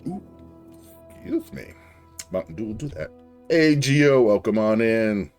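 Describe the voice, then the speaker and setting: A man's voice: on the low side, animated, unhurried, a little mellow, soft background music. A man streaming a game live, chatting casually and rambling off on tangents as he answers his chat.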